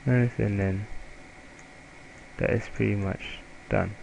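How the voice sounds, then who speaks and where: A young man with a German accent talks through a software tutorial, stopping and restarting his words as he goes. His voice is low and gravelly, and his delivery is slow. A faint background noise sits under the recording. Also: steady tone, poor audio. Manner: halting, self-correcting, hesitant. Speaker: student presenter.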